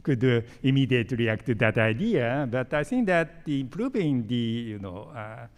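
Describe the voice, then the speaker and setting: A man at his usual pitch answers on a symposium panel. He halts often and fills the gaps with "uh". His voice echoes through the hall. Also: animated. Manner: halting, many uh fillers. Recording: reverberant hall.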